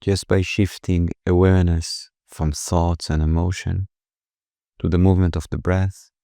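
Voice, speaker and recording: A very deep male voice with vocal fry guides a meditation, slow and gentle, with little rise or fall and calming gaps between phrases. The audio is close and dry, with no echo.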